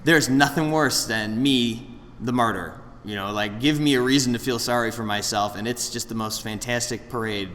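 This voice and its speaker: A man's voice: mid-range voice, normal speed, a bit bright. A man in his late thirties, speaking candidly and in a self-deprecating way at a recovery meeting, rambling with frequent restarts. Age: late 30s. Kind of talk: candid personal share. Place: meeting room with an audience. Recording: roomy hall, faint background noise.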